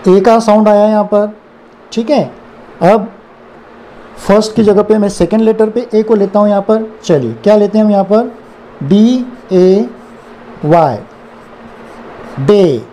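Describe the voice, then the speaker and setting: Indian male tutor, unhurried and patient, spells out each word then says it again, soft darkish tone. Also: sits high, a little hiss or hum. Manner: spells words letter by letter, then repeats them. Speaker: English teacher. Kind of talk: slow explanatory phonics lesson.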